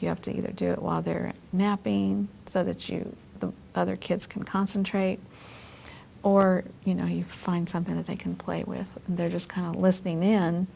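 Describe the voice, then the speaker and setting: A woman's voice: fairly low pitch, steady tone, moderate pace, gravelly, darkish tone, a little hiss or hum. A middle-aged woman in a casual chat as an interview guest, recounting her experiences informally and a little tentatively.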